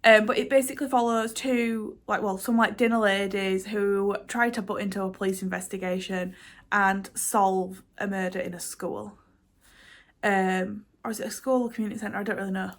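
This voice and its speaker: A young book vlogger with a cold chats casually to her camera in a medium-pitched, fairly even voice at a moderate pace. Sounding congested, she rambles, restarts, and drops plenty of ums while catching up on her reading and her busy week, often poking fun at herself.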